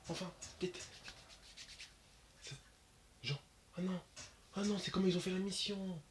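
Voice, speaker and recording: A young man giving casual reaction commentary to his viewers, slangy and excitable, his voice jumping high and loud when he is shocked. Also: measured pace, a little hiss or hum. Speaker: anime reaction YouTuber.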